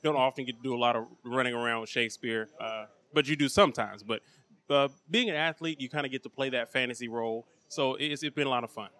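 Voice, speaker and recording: A man being interviewed as an actor, speaking casually in a measured, earnest way. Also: medium pitch, fairly bright tone. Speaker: actor interviewed at a film premiere. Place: film premiere red carpet.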